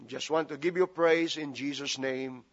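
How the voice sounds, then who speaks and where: With a fairly high, steady voice at a moderate pace, this Filipino-accented guest pastor from the Philippines delivers a sermon and prayer laced with humor. He's a native Filipino speaker, talks chattily with many fillers, and the recording's highs are cut off.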